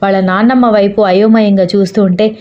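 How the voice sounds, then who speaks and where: A woman narrates a romantic family story in a steady storytelling voice. She voices every character's lines herself without changing her voice. The recording sounds dull and lo-fi. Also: medium pitch, fast talker. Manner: reads all characters' lines in her own voice.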